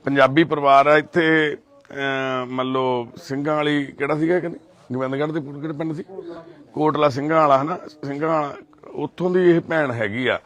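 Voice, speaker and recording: A man with a Punjabi accent, working as a reporter and doing an on-location interview at a village home, speaking gently and consolingly. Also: fairly high pitch, fairly even intonation, a little fast.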